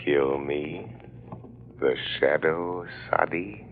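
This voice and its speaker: An actor playing a menacing, mocking crime-fighter with slow, theatrical delivery in an old radio drama. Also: male voice, very deep voice, full character voice. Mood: mocking defiance. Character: menacing, mocking invisible male crime-fighter, darkly gallant. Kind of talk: 1930s-40s radio drama acting. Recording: muffled noisy old radio recording.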